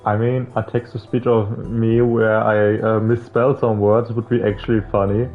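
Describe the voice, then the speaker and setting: A young man streams a visual novel, reading the game's text aloud and drifting into casual, slangy, sweary jokes. His voice sits fairly low with little pitch movement, at a normal speed. He uses a streamer mic with a face cam, and the narrow, phone-like audio carries game music behind him.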